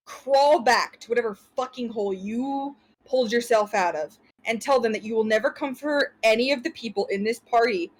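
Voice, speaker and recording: A woman's voice: a little high, natural voice, poor audio. Woman playing a cold, merciless horseman. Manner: deliberate, cold, swearing threats. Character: merciless male horseman threatening a captive mage.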